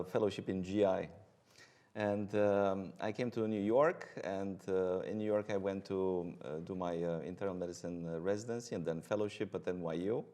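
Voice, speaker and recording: A man's voice: deep voice, warm tone. A middle-aged man from Romania, speaking with a Romanian accent, a guest physician explaining his work with frequent ums and uhs. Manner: hesitant, many ums and uhs.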